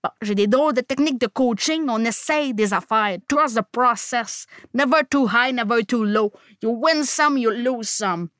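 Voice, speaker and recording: A woman with a Québécois accent recaps a show with slangy comic energy, sliding into a joking hockey-coach act. Her voice sits high and bright in register, recorded close and dry with no room sound. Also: unhurried, few pauses, dry recording. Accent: Québécois French. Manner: animated, slangy, playful mock hockey coach. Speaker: podcast host recapping a TV series.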